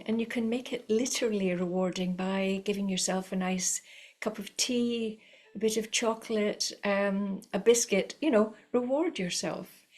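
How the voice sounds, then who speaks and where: A middle-aged woman teaches violin in a calm, unhurried voice, coaching her listeners with patient encouragement. Her pitch sits in an ordinary middle range, and her talk runs loose and conversational, full of small fillers. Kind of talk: spoken lesson to camera.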